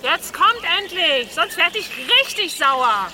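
Snappy young hiker in a kids radio play, high and lively, outdoor sounds faintly behind. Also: female voice, slight background noise, exaggerated voice. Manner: brisk and quickly cross. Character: young woman, easily annoyed hiker.

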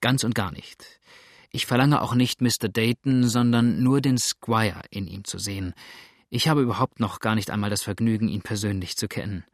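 A man's voice: on the low side, moderate pace, dry recording, studio quality. A male audiobook reader voicing an earnest, urgent young farmer.

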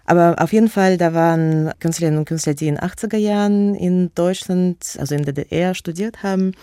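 A native Russian speaker with a Russian accent, this museum curator is a radio interview guest, answering questions about her work hesitantly, full of fillers and restarts. Her voice is mellow and smooth, on the low side and a little fast, with no echo.

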